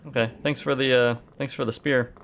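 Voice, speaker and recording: A man's voice: mid-range voice, fairly even intonation, brisk, vocal fry, fairly bright tone, faint music behind. A man in his thirties chatting casually while streaming a game, rambling, muttering to himself, laughing and swearing now and then. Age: 30s. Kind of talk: casual livestream chat while playing.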